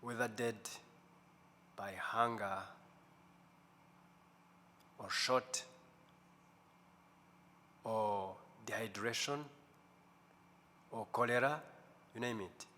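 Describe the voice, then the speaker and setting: A man in his fifties giving a deliberate, slow testimony talk as guest speaker at a church service, pausing often. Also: lowish voice, pushed and bright. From Rwanda. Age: 50s. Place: large church sanctuary. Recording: echoey church hall, faint room noise.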